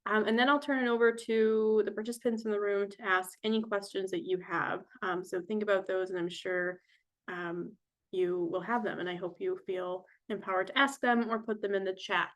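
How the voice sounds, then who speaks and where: A woman's voice: mid-range voice, steady tone, normal speed. A woman moderating an online alumni panel, friendly and organized, with frequent ums as she introduces each speaker. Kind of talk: moderating a video-call panel.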